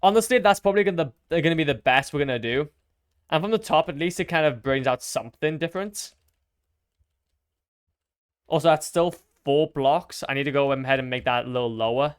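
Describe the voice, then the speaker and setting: A man's voice: on the high side, fairly quick, smooth, dry recording, clean studio sound. A young man casually commenting to his stream as he builds, chatty and self-mocking, humming little sound effects between remarks.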